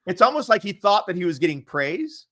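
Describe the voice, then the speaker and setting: A man's voice: high-pitched, sing-song, a little fast, pushed and bright. A man co-hosting a casual chat show, rambling and candid with lots of fillers, laughing often as he talks. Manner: laughs often while talking. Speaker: co-host.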